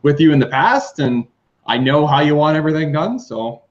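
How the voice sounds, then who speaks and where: A man's voice: a little high, sing-song, normal speed. A young man in his twenties, a radio DJ, chatting over a video call from his kitchen. He talks in an easygoing way, full of fillers. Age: 20s. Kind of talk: casual video-call chat. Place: kitchen, indoors. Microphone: webcam on a video call. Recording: dull lo-fi call audio.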